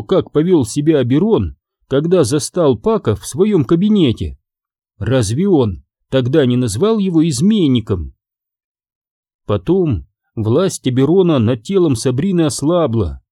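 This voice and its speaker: A man's voice: mid-range voice, big pitch swings, dark tone, dry recording, clean studio sound. Man narrating a children's audiobook. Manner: measured storytelling.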